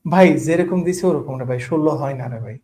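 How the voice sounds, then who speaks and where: Warm in tone and fairly high in pitch, this math tutor is a fast talker. During his online class he speaks informally, mixes in English words and keeps asking if students get it.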